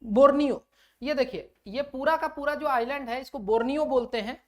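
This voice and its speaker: A woman's voice: high voice, normal speed, darkish tone. A woman teaching a lecture who asks her students questions and then answers them herself, mixing English terms into her explanations. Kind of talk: classroom lecture.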